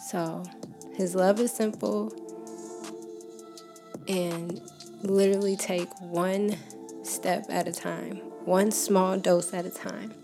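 A woman's voice: lowish voice, steady tone, takes it slowly, pauses often. A young woman giving a casual, heartfelt faith talk, speaking informally and often saying "like" and "you know.". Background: background music.

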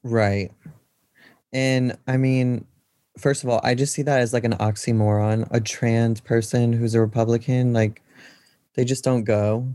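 A man's voice: medium pitch, level tone, a little slow, dark tone, no echo, clean studio sound. A man co-hosting a casual podcast over a video call, speaking in an informal, opinionated way. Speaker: podcast co-host.

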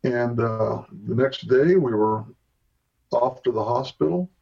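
A man in his sixties from Southern California, retelling a family story in a steady, plain way as an interview guest. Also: medium pitch, a little slow, vocal fry, slightly rough, muffled recording. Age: 60s. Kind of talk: storytelling in a conversation.

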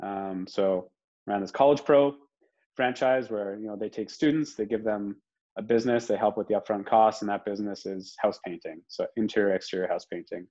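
A young adult man from Romania, a podcast guest telling his story in a relaxed, casual way with lots of fillers and the odd swear word. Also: on the low side, moderate pace. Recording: dull lo-fi sound.

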